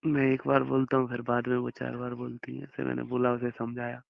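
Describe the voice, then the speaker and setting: A man's voice: mid-range voice, completely flat delivery, fairly quick, creaky, no room sound. A young man on an intimate phone call with his wife, reassuring her and rambling through long explanations. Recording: muffled phone call recording.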